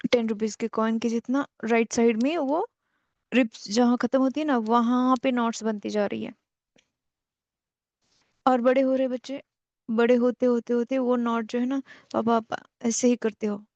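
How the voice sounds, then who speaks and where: A woman spiritual teacher telling a story slowly and repetitively, with many pauses. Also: fairly high pitch, darkish tone, dry recording, highs cut off.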